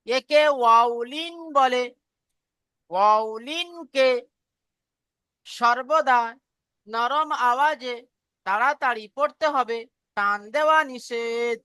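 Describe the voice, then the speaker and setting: Patient woman Quran teacher, Bengali accent, bright clear voice, slow drilled recitation. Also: high voice, no echo. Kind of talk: online Quran reading lesson.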